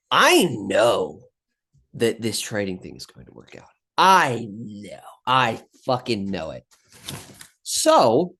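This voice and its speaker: Young male vlogger, rambling, profane, bro-talk, plain middle pitch, trade recap to camera. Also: fairly bright tone. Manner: rambling, swears a lot, says bro and dude. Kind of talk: casual monologue to camera.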